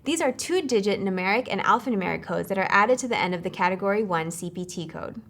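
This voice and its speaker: A woman reading scripted educational narration for a course, measured and clear, slowing down to spell out acronyms. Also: mid-range voice, animated, a bit bright.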